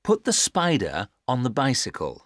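A actress as a patient instructor with a very low voice and hugely varied intonation. She speaks careful, stilted textbook dialogue in a dry studio sound. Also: wildly swooping pitch, normal speed, no echo, heavily acted. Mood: patient, instructive. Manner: careful, over-clear instructing. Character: patient adult giving simple picture instructions.

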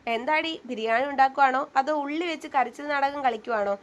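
Teasing young husband, bantering and mock-stern, high-voiced, read by a woman storyteller. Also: fairly quick, close to an everyday voice.

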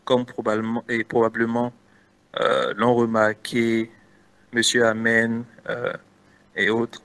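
A man's voice: medium pitch, completely flat delivery, slow, a bit bright, clear, resonant tone. A man with a Beninese French accent answering interview questions casually as a guest content creator, hesitant with many restarts.

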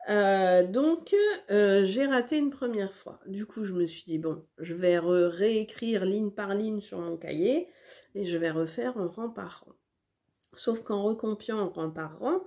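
This knitting podcast host has a medium-pitched, slightly mellow voice. She chats casually in her vlog while holding her work up to the camera, hesitating a lot with fillers and frequent restarts.

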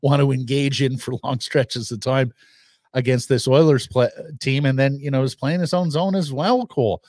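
Measured middle-aged male hockey analyst. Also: medium pitch, a little mellow, dry recording, clean studio sound. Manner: measured, analytical, lists stats. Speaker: podcast co-host. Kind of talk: casual sports analysis. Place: small studio with bookshelf. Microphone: studio mic on boom arm with headphones.

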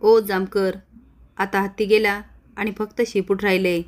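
A woman's voice: medium pitch, level tone, measured pace, lightly acted. A woman doing a defiant old village elder. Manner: defiant, rallying.

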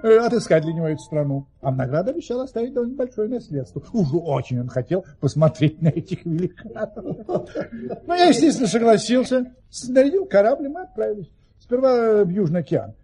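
High, lilting Baron Munchausen. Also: male voice, big pitch swings, mellow, breathy edge, full character voice. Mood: genial, boastful. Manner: theatrical, hesitant little pauses, airy storytelling. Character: whimsical, courteous baron spinning tall tales in earnest. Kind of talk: radio play storytelling.

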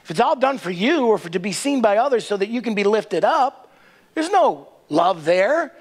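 A man's voice: high voice, sing-song, moderate pace. A middle-aged male pastor preaching a sermon in a large church sanctuary, emphatic and asking the crowd rhetorical questions, often tagging lines with "right?".

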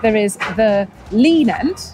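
A woman's voice: medium pitch, lively intonation, slow pace, background noise. A woman co-hosting a food vlog, chatting casually and gushing with delighted exclamations as she tastes. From United Kingdom. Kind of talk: casual chat while tasting food.

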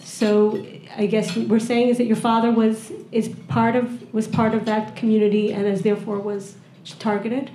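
Young woman hosting onstage, clear and formal, bit high voice, echoey hall. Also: little pitch movement, normal speed, few pauses, mellow. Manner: formal and articulate. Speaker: interviewer and program director. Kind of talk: hosting an on-stage interview. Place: event hall with audience. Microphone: handheld mic. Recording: echoey hall, faint room ambience.

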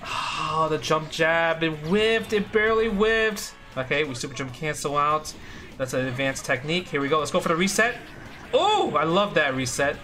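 Excitable bright-voiced man calling his own gameplay. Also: on the high side, normal speed. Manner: excitable, swings from muttering to yelling. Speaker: fighting game player and commentator. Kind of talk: live gameplay commentary.

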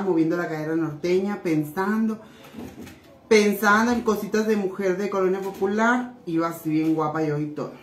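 Chatty woman cooking, echoey room. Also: fairly low pitch. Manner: chatty and affectionate, calls viewers "tesoritos". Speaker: cooking vlogger. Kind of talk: casual cooking chat to viewers. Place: home kitchen. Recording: echoey room with faint noise.

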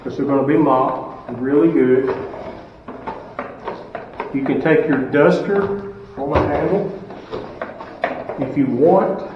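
A middle-aged male school custodian, his voice fairly high, gives casual how-to instructions in an echoey indoor stairwell with hard walls. He speaks slowly and plainly, pausing often, walking through each step and posing rhetorical questions. A camera some distance away picks him up, so the sound is distant, dull, and noisy in the background.

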